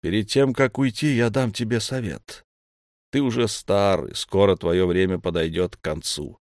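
Man doing a lofty male god, slow measured speech, regretful, low voice, dry sound. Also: fairly even intonation, a little mellow, dry recording, natural voice. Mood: calm.

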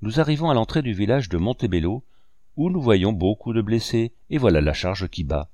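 Low-voiced man reading a war memoir. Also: a little mellow, dry recording, studio quality. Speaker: audiobook reader. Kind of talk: first-person memoir narration.

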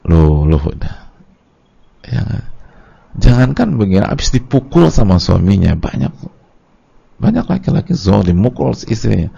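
Gravelly, animated Indonesian preacher man. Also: on the low side, a little slow, pauses often, muffled recording. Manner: lively storytelling, acts out quoted voices. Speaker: Islamic preacher. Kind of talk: religious study lecture.

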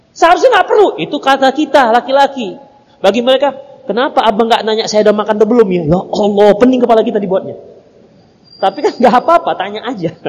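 A male preacher delivers an animated, humorous sermon, slipping into little acted exchanges. His voice sits very high. The recording carries the long reverb of a big hall. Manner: animated, joking, acts out little dialogues. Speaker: Islamic preacher.

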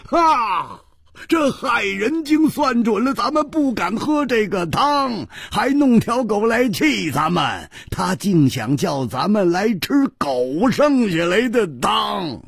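Loud hot-headed swordsman, played by a male storyteller; high, raucous, husky. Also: sing-song, takes it slowly, no room sound, studio quality, heavily acted. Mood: boisterous. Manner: shouting, laughing, high-pitched.

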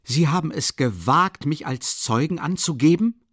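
Man doing a shrill, furious young idealist. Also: expressive, moderate pace, fairly bright tone, no echo, clean studio sound. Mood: indignant. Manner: shrill, vehement, repeating himself. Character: young earnest indignant male idealist.

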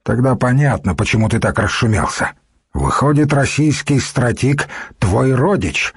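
A man's voice: medium pitch, expressive, moderate pace, husky, no echo, clean studio sound. A man voicing a haughty palace official who gives curt commands in an audiobook.

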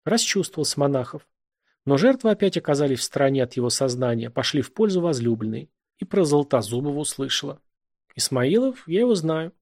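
A man narrating a literary novel as an audiobook. His reading is measured and reflective, with a husky voice at a middling pitch. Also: expressive, darkish tone.

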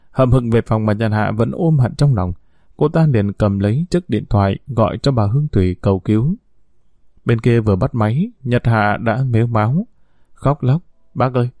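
A man narrating a romance story in a steady, scripted storytelling manner. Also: mid-range voice, dry recording, clean studio sound. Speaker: audiobook narrator.

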